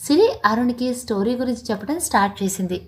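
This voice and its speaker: A woman reading a family romance story aloud in a steady storytelling manner. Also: fairly high pitch, quick pace, husky. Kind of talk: read-aloud story narration.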